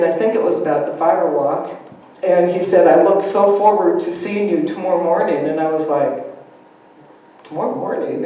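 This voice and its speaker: A woman's voice: lowish voice, mellow. A middle-aged woman giving a personal sermon talk at a church service, candid and reflective in a conversational way. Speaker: guest speaker at a church service. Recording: echoey room, distant mic, faint noise.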